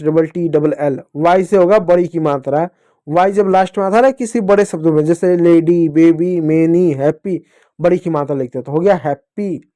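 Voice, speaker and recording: Male kids' teacher, high voice, patient, spells each word out letter by letter. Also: mellow. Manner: slow, syllable-by-syllable spelling out of words; addresses children fondly as dear kids. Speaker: English teacher for children. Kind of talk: phonics lesson for kids.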